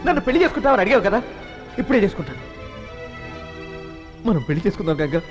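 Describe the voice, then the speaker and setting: A man's voice: high voice, very animated, racing. An actor in a dubbed film playing a lovesick young man who pleads emotionally with the woman he loves. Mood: pleading. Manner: pleading, emotional, soft then pleading. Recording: film soundtrack with music.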